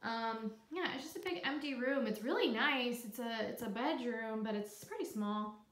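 A woman's voice: fairly high pitch, moderate pace. Chatty young woman vlogging at home. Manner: chatty, upbeat, with fillers. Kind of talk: casual home vlog chat. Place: small home room, indoors. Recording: roomy home recording with soft background music.

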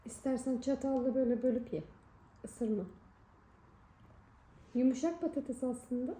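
A woman, a mother behind the camera, chatting casually at home and asking gentle, prompting questions. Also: sits high, moderate pace. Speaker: mother filming her child. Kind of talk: casual chat. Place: indoors at home. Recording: echoey, muffled room sound.

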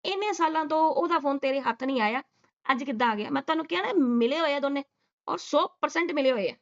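Woman, reaction commentary, sarcastic and scolding, high voice, dull lo-fi sound. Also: expressive, quick pace. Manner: mocking, scolding, rhetorical questions. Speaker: reaction vlogger.

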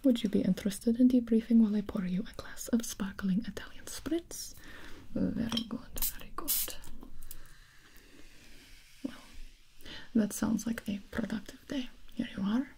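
A woman voicing a devoted, formal, protective assistant in a whispered role-play, deferential, measured and precise. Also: a little high, dark tone, poor audio. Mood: deferential, composed.

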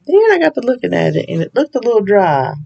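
A woman narrates her home cooking step by step in a relaxed, folksy chat. Her voice is heavily gravelly with a lot of vocal fry, and it sits fairly low for a woman. She keeps it loose, with frequent laughs and asides. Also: quick pace, dull audio. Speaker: cooking channel host. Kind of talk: casual recipe walkthrough.

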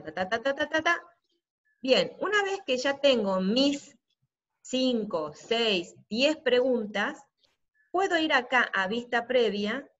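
A middle-aged woman, a teacher explaining software step by step on a live video call and often checking that her listeners follow. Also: medium pitch. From Argentina. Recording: dull lo-fi video call audio.

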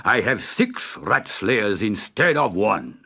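A man voicing a grand male sultan who speaks slowly and lordly, for a storybook reading. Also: big pitch swings, creaky, bright, forceful tone, slightly rough, exaggerated voice. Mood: delighted. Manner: slow, booming and lordly. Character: grand, slow-spoken male sultan, booming.

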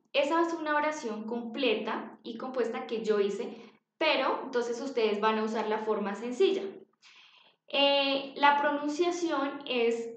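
A woman's voice: high voice, fairly bright tone. A woman teaching an English lesson to young children, patient, repeating words for them to copy. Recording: dull, echoey home recording.

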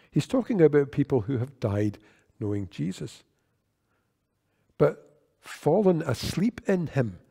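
Speaking at a church lectern through its microphone, an older man who serves as worship leader gives a sermon with gestures, his preaching earnest and measured. The voice is mellow and dark at a medium pitch, and each phrase leaves a long reverb trailing from the sanctuary walls.

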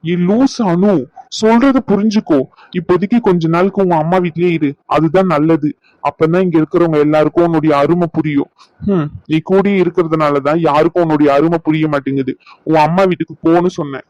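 A man's voice: a little high, steady tone, a little fast, a little mellow, dry recording, dull audio, natural voice. A man voicing a young husband in a cartoon who insists firmly but coaxes affectionately. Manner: firm, coaxing, insistent.

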